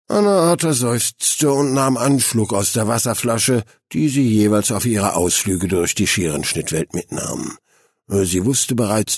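A man narrating an audiobook in a calm, even reading. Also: on the low side, husky, no echo, studio quality.

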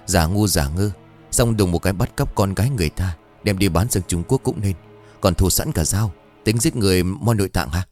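A man playing a spiteful, accusing village gossip, talking quickly. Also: sits low, darkish tone, soft background music, close to an everyday voice.

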